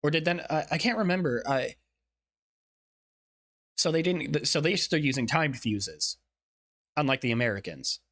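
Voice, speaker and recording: A man's voice: on the high side, animated, normal speed, long pauses, fairly bright tone. Sweary man casually reacting on stream. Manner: sweary and blunt; musing, thinking aloud.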